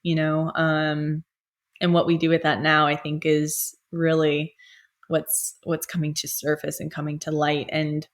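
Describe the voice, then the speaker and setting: A young woman, an astrologer and healer, musing softly in a meandering spiritual monologue with many fillers, speaking from home. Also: low voice, monotone, unhurried.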